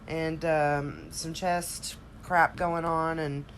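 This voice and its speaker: A woman recovering from a cold, slightly congested, speaks in a very low, throaty voice as co-host of a casual recap podcast. She rambles with pauses and hesitations, and a steady noise runs in the background.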